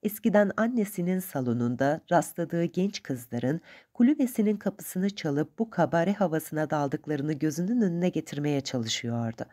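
A woman narrating a novel for an audiobook in a calm, measured storytelling manner. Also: fairly low pitch.

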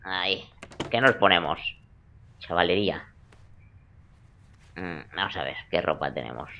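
A man's voice: low voice, measured pace, vocal fry, highs cut off, slight background noise. A young man giving joking, crude gameplay commentary in a teasing, playful way. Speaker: let's play gamer.

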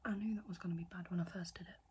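A woman's voice: lowish voice, steady tone, very fast, warm tone, a little hiss or hum. A young woman whispering a chatty ASMR makeup tutorial, rambling and often correcting herself. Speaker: ASMR creator.

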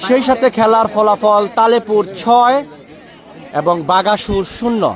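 A high-voiced man commentates on a football match outdoors, with a crowd audible around him. He talks casually to his live viewers and often repeats phrases as he follows the play. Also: fairly even intonation, a little slow. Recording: outdoor live stream with loud crowd noise. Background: crowd and outdoor noise.

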